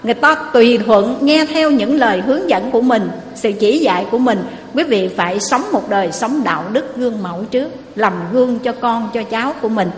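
Woman preacher, lively storyteller, fairly high voice, echoey hall. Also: a little fast, few pauses. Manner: lively storyteller, addresses the audience often. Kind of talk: moral storytelling sermon. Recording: echoey hall, faint noise.

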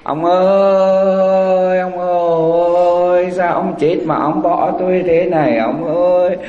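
Male preacher doing a high, wailing old widow, lilt, in an echoey hall. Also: fairly even intonation, slow pace, narrow, tinny audio. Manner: melodramatic sobbing wail, then panicked backpedaling. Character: wailing old widow at her husband's coffin.

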